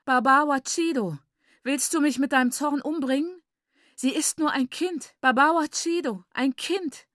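A woman's voice: sits high, measured pace, a bit bright, no room sound, clean studio sound, voice pushed up. A woman voicing a desperate mother who wails and begs her husband to spare their daughter. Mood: pleading. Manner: wailing, begging. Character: pleading mother, wailing and desperate.

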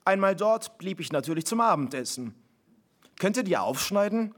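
A man's voice: sits high, big pitch swings, moderate pace, voice pushed up. Man voicing a cheerful defiant dad, jaunty and matter-of-fact, read-aloud story. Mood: amused. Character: cheerful defiant father, middle-aged man.

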